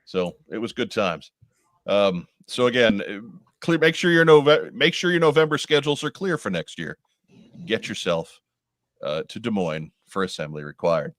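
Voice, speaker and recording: A laid-back man hosting a casual podcast, his voice sitting low. He rambles easily between topics. The sound is dry and close. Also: big pitch swings, moderate pace, a bit bright, no room sound. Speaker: podcast host.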